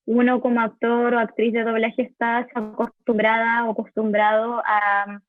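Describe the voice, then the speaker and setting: Speaking from her home recording room, a voice actress from Chile answers interview questions hesitantly, with frequent restarts and repeated words, in a Chilean Spanish accent. Her delivery is completely flat and on the high side, at normal speed, on a tinny, dry phone-like line with no room sound.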